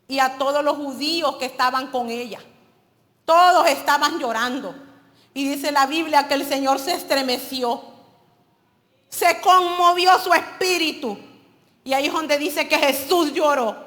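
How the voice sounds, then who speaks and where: A woman's voice: high-pitched, a bit bright, big-room sound. A woman preacher delivering an emphatic sermon and calling her listeners brothers.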